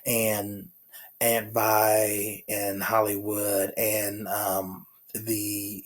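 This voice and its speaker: A man's voice: on the low side, completely flat delivery, extremely slow. A man casually recapping a TV episode, rambling with lots of fillers and restarts. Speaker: TV recap reviewer.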